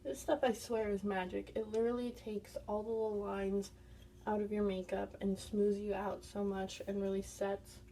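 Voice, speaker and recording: A woman's voice: mid-range voice, level tone, normal speed, warm tone, recorded from a distance, a little hiss or hum. Congested woman chatting through a makeup routine. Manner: chatty, explains each step as she goes. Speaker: beauty vlogger. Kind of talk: casual makeup tutorial.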